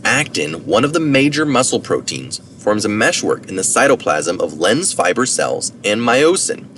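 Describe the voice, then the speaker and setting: A man who reads articles aloud narrates a science piece at normal speed, his low-leaning, slightly bright voice swinging widely in pitch. He handles citations with informal asides and occasionally fixes his own slips. Background noise is noticeable and the mic sits far off.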